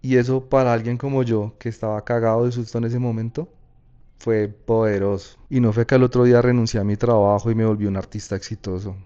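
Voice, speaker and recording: A man's voice: medium pitch, a little fast, clear, resonant tone, highs cut off. Paisa-accented man telling a story. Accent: Colombian Paisa. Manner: casual, slangy, animated retelling. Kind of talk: personal storytelling.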